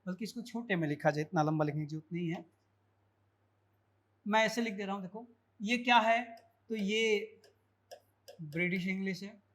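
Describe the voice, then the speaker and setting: A man's voice: high-pitched, moderate pace, long pauses, a bit bright. A man teaching an English lesson, quizzing his students with repeated questions and calling them child in a fatherly way. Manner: fatherly, calls viewers child; gets carried away with enthusiasm. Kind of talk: explanatory video lesson.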